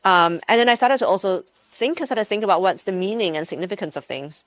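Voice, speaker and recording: This Malaysian physics professor speaks fast and expressively in a mid-range, slightly bright voice, recorded with no room sound. Her interview answers are thoughtful but riddled with restarts and fillers.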